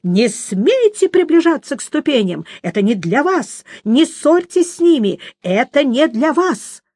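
A woman reading aloud voices a capricious, haughty mermaid with a high, trilling, mocking voice. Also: sing-song, slow pace, dry recording, studio quality, exaggerated voice. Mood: shrill.

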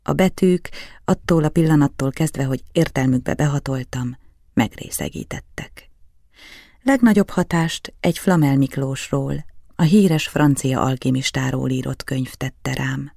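A man narrating a novel in a measured storytelling manner. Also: mid-range voice, gravelly, darkish tone, dry recording, clean studio sound. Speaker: audiobook narrator. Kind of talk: scripted narration.

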